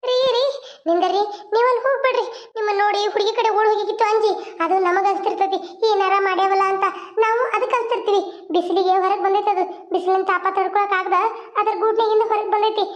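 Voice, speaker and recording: A fretful young mother from a village cartoon, pleading and fussing in a very high, thin voice with a North Karnataka Kannada accent, as a woman acts her out. The sound carries a clear echo of a bare room. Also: fairly even intonation, fast talker. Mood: frantic.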